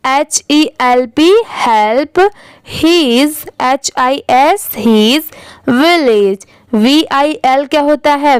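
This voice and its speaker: High-voiced woman teaching English slowly. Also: no room sound, low-quality recording. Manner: spells words letter by letter, then says them slowly. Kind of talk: slow spelling-out reading lesson.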